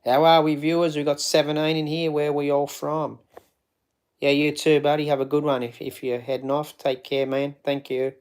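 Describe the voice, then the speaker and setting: A man's voice: fairly high pitch, flat delivery, moderate pace, clear, resonant tone. A man hosting a casual live stream, rambling and greeting viewers by name.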